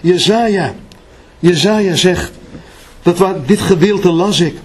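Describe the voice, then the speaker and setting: Middle-aged male preacher, high and slow, impassioned and tearful at times. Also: slight background noise. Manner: impassioned, often shouting and emotional. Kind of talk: sermon.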